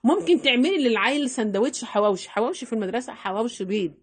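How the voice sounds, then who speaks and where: A middle-aged woman with an Egyptian accent giving chatty, animated household money-saving advice, repeating herself for emphasis. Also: a little high, racing, breathy edge. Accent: Egyptian Arabic. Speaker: home-economy vlogger. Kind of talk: casual advice talk to camera.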